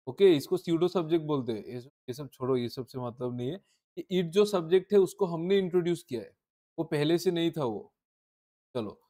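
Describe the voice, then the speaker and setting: Mellow-voiced male grammar teacher. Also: fairly high pitch. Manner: explains step by step, mixing Hindi and English, addresses students by name. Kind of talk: online class lecture.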